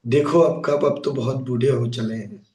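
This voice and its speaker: A man voicing a frail elderly man who speaks gently and wearily, lower than his own voice. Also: fairly even intonation, normal speed, close to an everyday voice. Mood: weary. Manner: weary, gentle. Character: frail old man in hospital bed. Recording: echoey room, mic far off.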